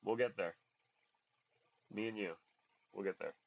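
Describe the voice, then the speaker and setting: A man's voice: lowish voice, measured pace, gravelly. A man chatting casually while he works, rambling unhurriedly with plenty of fillers, in his home workshop. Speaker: maker livestreaming his workbench. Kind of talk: casual chat while working. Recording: dull lo-fi audio.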